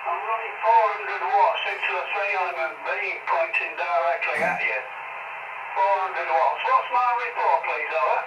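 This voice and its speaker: A man's voice: sits high, normal speed, reverberant. A man making an amateur radio contact, heard through distorted, clipping radio reception; he repeats himself and asks for reports. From England. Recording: muffled, distant, noisy radio signal.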